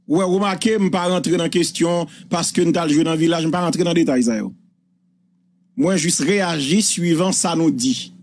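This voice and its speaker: Male commentator, high-pitched, reflective, measured delivery.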